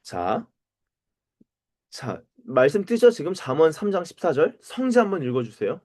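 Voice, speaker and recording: A pastor leading a Bible study, asking questions and calling on people to read. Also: male voice, on the high side, normal speed. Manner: animated, asks the group questions and calls on readers.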